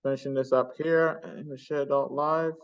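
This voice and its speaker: A man's voice: medium pitch, level tone, normal speed. A man chatting casually over an internet call. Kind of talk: casual chat. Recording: dull lo-fi video call audio.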